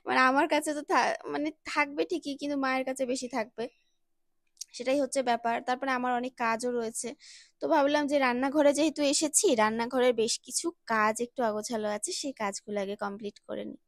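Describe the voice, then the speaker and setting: A woman with a slightly hoarse morning voice, chatting through a relaxed home-vlog voice-over with lots of rambling and self-correction. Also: high voice, fairly quick, no room sound, clean studio sound. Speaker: home vlogger.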